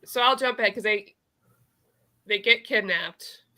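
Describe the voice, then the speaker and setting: Bright voiced woman cohost gushing about comics, super casual, acts out the dialogue. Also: mid-range voice, a little slow. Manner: gushing, enthusiastic, acts out characters' lines. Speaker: co-host of a comic book review show. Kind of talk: casual chat, recapping a comic.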